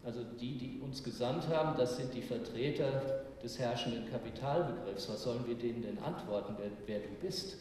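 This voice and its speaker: A man giving an earnest, reflective sermon in a steady preaching cadence. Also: mid-range voice, normal speed, slight background noise. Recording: echoey hall, distant mic, faint ambience.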